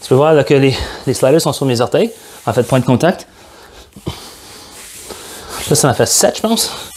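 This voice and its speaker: A man's voice: medium pitch, very animated, moderate pace, darkish tone, slight background noise. Man, Québécois French accent, fitness coach, guided workout, upbeat, joking, counts reps aloud, mid-range voice.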